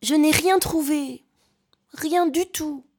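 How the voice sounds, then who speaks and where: A woman voicing a kind little girl in a storybook reading, with a bright, childlike delivery. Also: sits high, slow, slight background noise. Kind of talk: storybook narration.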